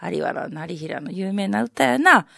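A woman's voice: medium pitch, animated, takes it slowly, creaky, a bit bright, no room sound, studio quality, pitched below the performer's own voice, heavily acted. A woman with a Kansai accent voicing a condescending older know-it-all in rakugo, bluffing his way through a story.

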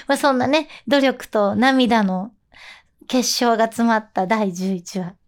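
Woman host, voice actress; high voice, casual, giggly chat. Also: slow pace. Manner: chatty and giggly, sliding between polite and casual talk. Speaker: voice actress hosting a show.

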